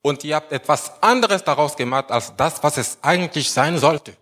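A man preaching a sermon as pastor, slow and emphatic, often repeating words and phrases. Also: on the high side, expressive, fairly bright tone.

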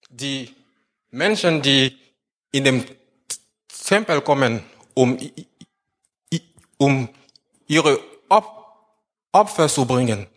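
A man preaching a sermon as pastor, slow and emphatic, often repeating words and phrases. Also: fairly high pitch, a bit bright.

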